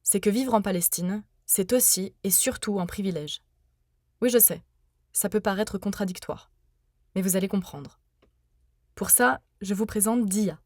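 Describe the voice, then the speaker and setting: A young woman from France narrating her own podcast in an earnest, measured, personal way. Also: mid-range voice, a little mellow, no echo, clean studio sound. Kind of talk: scripted first-person narration.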